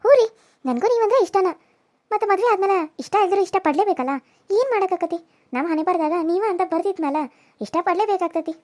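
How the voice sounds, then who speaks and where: A young village daughter-in-law in a cartoon, high and squeaky, argues and pleads at a fast clip, as a woman voices her. The sound is close and dry. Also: darkish tone, no room sound. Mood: resigned. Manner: argumentative, pleading, quick protesting. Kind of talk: cartoon serial voice acting.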